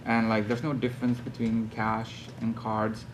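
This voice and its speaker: A man's voice: on the low side, monotone, unhurried, slight background noise. A young man from Norway, an audience member, speaking hesitantly and searching for words. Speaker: audience member asking a question.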